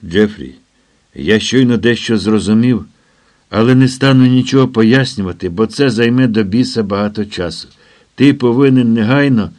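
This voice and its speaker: A man reading an audiobook, voicing a frantic young programmer who shouts urgently into a radio. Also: mid-range voice, moderate pace, lightly acted. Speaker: character in an audiobook.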